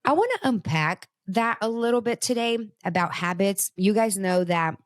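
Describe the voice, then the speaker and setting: Speaking at a normal speed in a mid-range voice, this host is a Brazilian woman whose first language is Portuguese. Her motivational talk is casual, lively, and chatty, aimed directly at listeners, with clean, dry studio sound.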